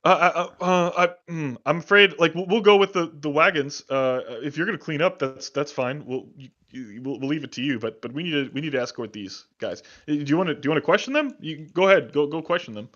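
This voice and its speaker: A man's voice: fairly high pitch, lively intonation, quick pace, hardly any pauses, fairly bright tone, highs cut off. A man voicing a weary, middle-aged male city guard who stammers nervously. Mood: flustered. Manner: flustered, stammering.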